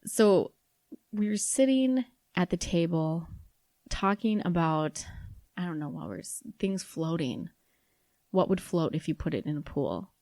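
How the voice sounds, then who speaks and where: Podcast host, woman in her 30s, chatty and self-deprecating, warm lowish voice, dry close sound. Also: lively intonation, measured pace, no room sound. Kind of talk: casual solo podcast talk.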